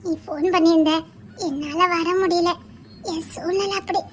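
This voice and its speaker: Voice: extremely high pitch, steady tone, moderate pace, a little hiss or hum. A performer playing an emotional young woman with a Tirunelveli Tamil accent, who pleads with her friend and teases her.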